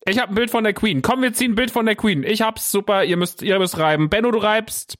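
A man's voice: high-pitched, fast, fairly bright tone, no room sound, studio quality. A man playing a tabletop role-play game, pushing and teasing the others. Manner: pushy and teasing. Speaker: player.

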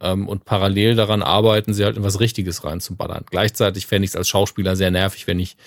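A man with a low, gravelly voice reasons his points through in casual podcast chat. The recording is close and dry, with no room sound. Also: flat delivery, fast, no room sound.

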